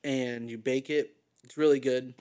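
A man's voice: mid-range voice, steady tone, moderate pace, warm tone, clear, resonant tone. A man co-hosting a podcast, telling anecdotes in an enthusiastic, casual way. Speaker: podcast co-host. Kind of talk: casual chat.

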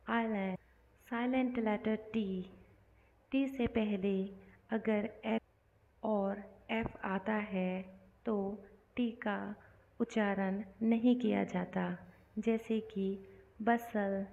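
A woman teaching English silent letters, reading words one at a time with long pauses between them. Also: mid-range voice, darkish tone. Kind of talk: slow word-list lesson. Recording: phone-like echoey recording.

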